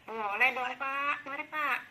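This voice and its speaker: A woman's voice: high voice, measured pace, pushed and bright, slight background noise, low-quality recording. Polite woman coaching a teacher. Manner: polite, encouraging, many affirmations. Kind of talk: role-played coaching session.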